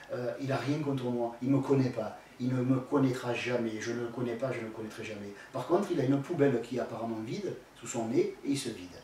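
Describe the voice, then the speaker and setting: A man's voice: mid-range voice, a little mellow. Man, blunt colloquial advice, crude slang and fillers, far from the mic, strong room echo, faint noise. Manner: addresses the questioner directly by name. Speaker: spiritual teacher answering a viewer's question. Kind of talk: spontaneous spoken advice.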